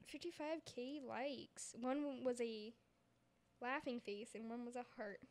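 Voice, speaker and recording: A woman's voice: fairly high pitch, fairly even intonation, unhurried. A young woman co-hosting a casual podcast from a bedroom, giggly and often dropping into a whisper while reading aloud. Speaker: podcast co-host. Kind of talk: casual chat.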